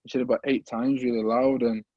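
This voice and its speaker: A young man from the Midlands, a podcast guest telling an emotional personal story, halting and repeating words as he holds back tears. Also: medium pitch, flat delivery, dry recording, lo-fi sound. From English Midlands.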